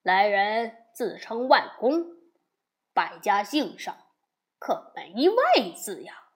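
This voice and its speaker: A crude, boastful demon king bellows his lines in a storybook telling, as a woman puts him on. He pushes his voice louder than the narration around him, and his pitch swings widely from line to line. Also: lively intonation, slow. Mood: puzzled. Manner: loud and blustering.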